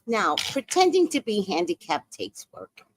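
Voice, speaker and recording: A woman's voice: mid-range voice, wildly swooping pitch, unhurried, noisy background. A woman in her sixties telling a story in a casual, profane, dramatic way as a podcast host. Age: 60s.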